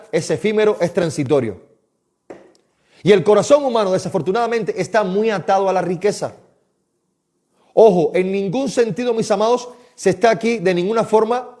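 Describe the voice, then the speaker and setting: High-voiced preacher, impassioned. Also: male voice, darkish tone. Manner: impassioned, exhorting, addresses listeners as "mis amados". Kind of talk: live-streamed sermon.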